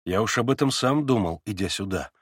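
A man as a gentle, earnest young man. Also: lowish voice, animated, a little fast, breathy edge, dry recording, clean studio sound. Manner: soft, thoughtful, a little bashful. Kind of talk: audiobook character reading.

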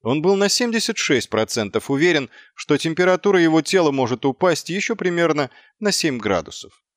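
A man narrating an audiobook with expressive storytelling. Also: a little high, a little fast, no room sound, studio quality.

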